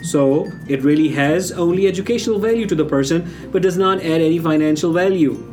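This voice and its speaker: A man with a slightly raised voice hosts a podcast discussion, speaking in a measured, formal way. Faint guitar music plays underneath him. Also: fairly high pitch, darkish tone. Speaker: podcast host.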